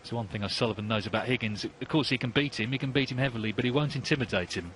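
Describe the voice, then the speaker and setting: A man's voice: medium pitch, racing, a bit bright, low-quality recording. A man giving live snooker commentary and summing up the players' play. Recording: faint crowd and arena noise behind.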